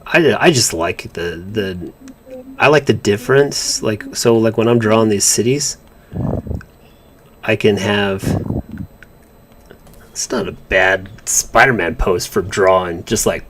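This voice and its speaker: A man's voice: fairly low pitch, slow pace, long pauses, a bit bright, slight background noise. A man co-hosting a live drawing stream, chatting casually as he works, rambling and stumbling over his words. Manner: rambling, repeats words and restarts often. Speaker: comic artist co-host. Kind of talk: casual chat while drawing on a livestream.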